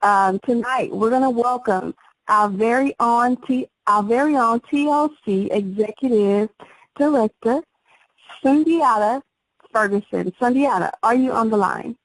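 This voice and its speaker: A woman hosting a call, introducing a guest in a halting way with many pauses and restarts. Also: a little high, rough recording.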